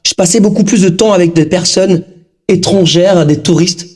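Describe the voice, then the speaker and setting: A man in his thirties from Togo, a guest talking casually in an interview, lively and full of fillers. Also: sits high, moderate pace, slightly rough. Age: 30s. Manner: animated, lively storytelling with frequent fillers.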